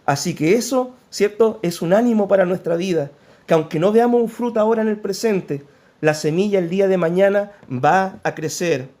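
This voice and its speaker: A Chilean man preaching from the pulpit in a notably high voice. He speaks earnestly, turning pleading when he voices prayers. He peppers his points with quick "¿cierto?" check-ins to the congregation. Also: darkish tone. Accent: Chilean Spanish. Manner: preaching with frequent "¿cierto?" asides. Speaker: pastor. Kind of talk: sermon.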